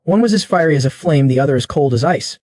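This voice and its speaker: Higher-pitched man narrating a story recap. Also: expressive, quick pace, a little mellow, no room sound, clean studio sound.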